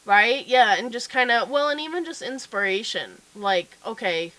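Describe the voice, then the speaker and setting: A woman hosts a casual livestream chat, sounding a bit stuffy and nasal from a cold. Her voice is a little high, expressive and fairly bright at a normal speed, and she's chatty and upbeat with lots of fillers, though the audio is poor.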